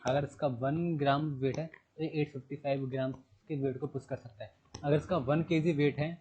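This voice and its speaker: A man's voice: on the high side, fairly even intonation, normal speed, a little mellow, breathy edge, rough recording. A man teaching a general knowledge lesson, asking and answering his own questions, repeating terms and spelling words letter by letter. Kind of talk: recorded classroom lesson.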